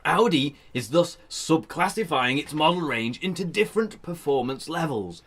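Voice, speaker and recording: Lively bright-voiced man chatting. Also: a little high, normal speed, husky. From United Kingdom. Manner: chatty, joking, reads press release aloud. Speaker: podcast co-host. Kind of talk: casual chat. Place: shed.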